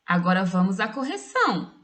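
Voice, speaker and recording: A woman teacher, giving a slow phonics dictation and spelling each word out syllable by syllable. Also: medium pitch, sing-song, a bit bright, soft background music. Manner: clearly spells out words syllable by syllable. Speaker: literacy teacher.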